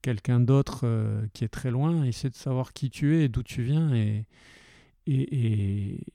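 A man from the Occitan-speaking south of France, a native French speaker, talks heatedly and casually with many hesitations and restarts in a passionate, informal way. His medium-pitched voice is gravelly and warm, and he's unhurried. The sound is studio quality with no echo.

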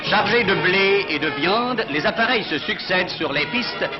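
A man's voice: sits high, expressive, normal speed. A man narrating an old newsreel in a formal, declamatory style. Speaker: newsreel announcer. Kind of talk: scripted 1940s newsreel commentary. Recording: dull lo-fi archival film sound with loud music.

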